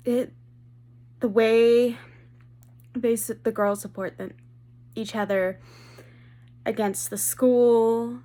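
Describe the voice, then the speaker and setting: Woman book vlogger, casual and enthusiastic, mid-pitched, prone to restarts. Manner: chatty and enthusiastic, trailing off and restarting sentences. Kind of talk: casual vlog chat.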